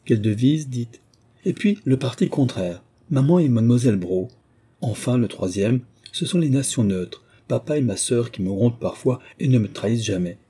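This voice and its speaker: A man reading an audiobook voices a headstrong, playful young girl, lifting his voice and talking quickly and teasingly. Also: mid-range voice, lively intonation, dark tone, breathy edge, pitched above the performer's own voice.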